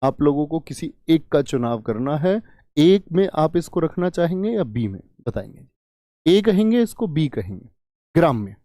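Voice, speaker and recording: A man's voice: fairly high pitch, big pitch swings, moderate pace, warm tone, no room sound, clean studio sound. A man teaching Hindi grammar in a live online exam-prep class, asking questions and repeating key words. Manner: asks and answers his own questions, repeats key words.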